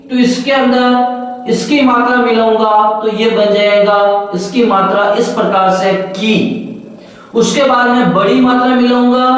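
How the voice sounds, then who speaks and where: A man teaching a basic Hindi grammar lesson, asking questions and answering them himself, again and again. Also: extremely high pitch. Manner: repetitive, asks questions then answers them. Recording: very echoey room, mic far off.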